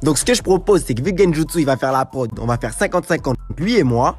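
Scheming young hustler, as a man plays him, boastful, wheedling, slightly high voice. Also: expressive, fast talker, faint music behind, lightly acted. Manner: boastful, wheedling street slang. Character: scheming streetwise young man called the rat. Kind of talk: comedy sketch acting.

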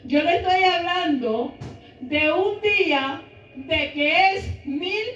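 Impassioned high-voiced woman preaching. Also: slow pace, a little hiss or hum. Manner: impassioned, rises to shouts and half-sung lines. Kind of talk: sermon. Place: small church hall. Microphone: handheld mic. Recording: echoey room, camera far off, dull sound.

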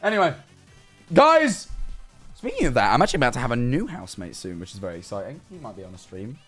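Faint music plays behind this young adult man as he reads chat aloud on his livestream at a fast clip, his voice medium in pitch. Sarcastic, animated and quick to swear, he reacts to viewer messages. The setting is a small bedroom streaming room, where he is seated at a desk with a headset-style studio mic.

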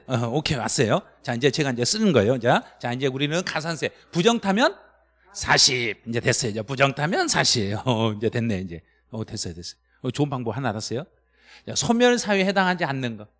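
A middle-aged man teaching a live-stream exam lecture, excited and quizzing his viewers. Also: big-room sound. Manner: animated, jumps to high excited pitch on key words, quizzes the chat. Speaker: real estate tax law instructor.

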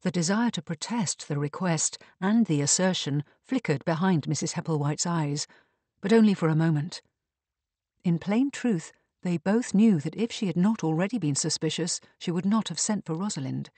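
A man reading a period mystery novel aloud in measured, even audiobook narration. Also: sits high, no echo.

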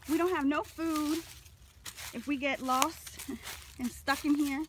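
Thirties woman, upbeat casual vlogger, phone mic on a woodland walk, soft outdoor noise behind. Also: high-pitched, fairly even intonation, slow. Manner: chatty and upbeat, talking straight to viewers. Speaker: vlogger and mother. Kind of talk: casual vlog narration. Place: outdoors on a wooded park trail. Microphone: phone held while walking.

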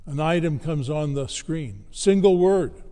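A man preaching a sermon, telling a story in a measured, deliberate way. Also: a little high, lively intonation, mellow, big-room sound.

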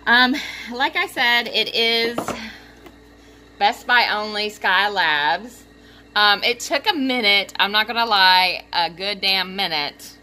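A young woman vlogging from her room, gushing with excitement, giggling, squealing and filling her talk with "like" and "um". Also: medium pitch, slow, a little hiss or hum. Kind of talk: excited unboxing vlog. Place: home room.

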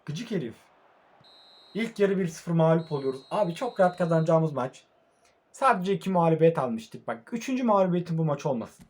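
A young man, sleepy late at night, commentating his own football video game match in a casual way, calm one moment and frustrated the next. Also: a little high. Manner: casual, swings between calm murmuring and frustrated outbursts. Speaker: mobile football gamer. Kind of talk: live match commentary while playing.

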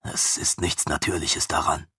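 A man reading an audiobook, voicing a big, strong male warrior who talks slowly and plainly. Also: rumbling low, level tone, bright, forceful tone, breathy edge, no echo, studio quality, voice pushed down, exaggerated voice. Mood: subdued.

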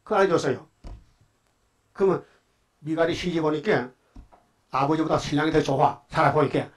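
A male pastor giving a Sunday afternoon sermon, telling Bible stories in casual speech and prodding the congregation with quick questions. He swings between loud outbursts and quiet asides. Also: on the high side. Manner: colloquial storytelling preaching, prodding the congregation with "예?".

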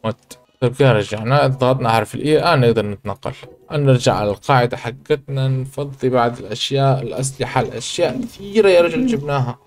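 A man, hosting a gaming channel, chatting through his gameplay and breaking into excited exclamations. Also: medium pitch, quick pace, few pauses. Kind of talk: let's play commentary.

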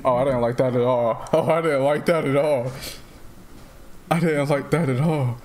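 A young man playing a horror game as a streamer, excitable, repeating his lines and jumping into high yelps. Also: normal speed, a little hiss or hum. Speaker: gaming streamer. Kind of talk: casual gaming commentary.

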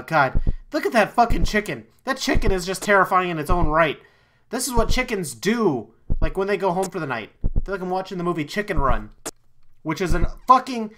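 A man giving let's-play commentary on a horror game, easily startled, swearing often, and talking himself into calming down. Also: on the high side, slight background noise, poor audio. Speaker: YouTube let's player.

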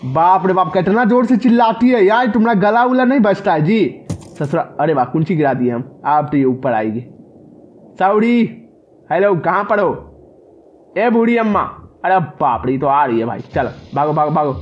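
A man's voice: fairly high pitch, very animated, normal speed, lo-fi sound. A man doing comic horror gameplay commentary, yelping and repeating words in panic and talking back to the game characters. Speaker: gaming commentator.

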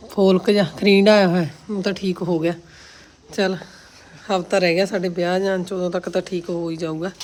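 A woman's voice: on the low side, a little mellow. A woman of about forty, chatting casually for a home vlog in a homely, exclaiming, complaining aunty manner. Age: around forty. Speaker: vlogger. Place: outdoors in a farmhouse yard. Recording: clear background noise, outdoor ambience.

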